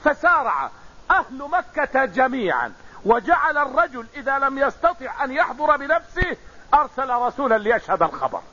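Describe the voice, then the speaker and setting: High-voiced husky preacher. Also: male voice, sing-song, fairly quick, pushed and bright, lo-fi sound. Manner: explains with everyday examples, repeats phrases. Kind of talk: religious lesson.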